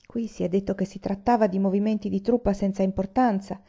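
A timid young man speaks hesitantly, stumbling over his words, as a woman reads him aloud in an audiobook. The tone is mellow and warm. The sound is a little muffled. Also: mid-range voice, steady tone, fast talker, husky. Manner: stammering, hesitant.

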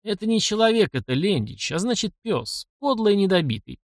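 A man voicing a cruel, vengeful old nomad chieftain who speaks in slow, growling commands. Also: high-pitched, big pitch swings, dry recording, clean studio sound, pitched above the performer's own voice. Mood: cold menace.

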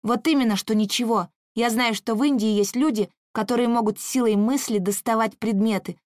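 High, stubborn girl who flares up fast , read by a woman. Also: no echo, studio quality, close to an everyday voice. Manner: hot-headed, stubborn, soon calms down. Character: quick-tempered girl, the narrator's sister.

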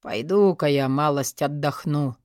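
A woman voicing a gruff, wheezing old major. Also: low voice, a little slow, dry recording, studio quality, voice pushed down. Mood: grumbling. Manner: wheezing, grumbling. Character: gruff older male major, blustering.

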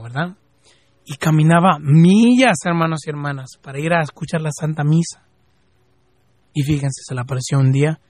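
Fervent Mexican man, husky voice. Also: fairly high pitch, darkish tone, dry recording. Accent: Mexican Spanish, from Jalisco. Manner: fervent, rising to emphatic questions, then slow and drawn out. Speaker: radio host.

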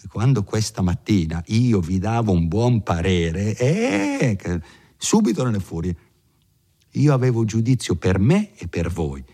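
A man's voice: lowish voice, big pitch swings, measured pace, dark tone, exaggerated voice. A man voicing a timid, anxious elderly village priest who pleads and frets, sometimes falling to a whisper. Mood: aggrieved scolding. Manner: pleading, fretful, drops to whispers.

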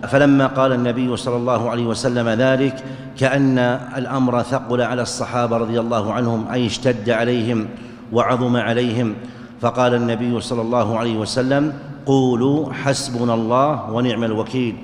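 A man giving a religious lesson, explaining texts in a measured, explanatory way and chanting the verses he quotes. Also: medium pitch, flat delivery. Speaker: religious teacher. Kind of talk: explaining hadith in a lecture. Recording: echoey hall with long reverb.

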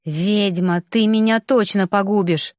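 A woman's voice: medium pitch, unhurried, darkish tone, dry recording, studio quality, natural voice. A woman reading an audiobook, voicing a flustered, complaining male rector trapped in a young woman's body.

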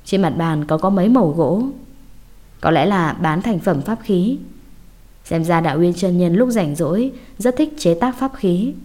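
Casting: female late-night radio DJ type for ghost story narration, low register, dark soft tone. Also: expressive, a little slow. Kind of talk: late-night radio host manner, scripted audiobook narration.

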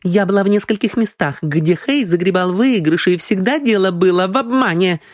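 Shrill young actress type, accusing, man doing it, dry read. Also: fairly quick, no room sound, lightly acted. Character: sharp young woman exposing a cheat.

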